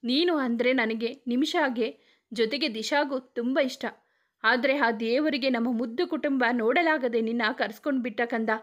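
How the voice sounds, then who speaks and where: A woman's voice: on the high side, normal speed, lightly acted. A woman voicing a grieving male police officer who is a loving father, speaking tenderly and pleadingly.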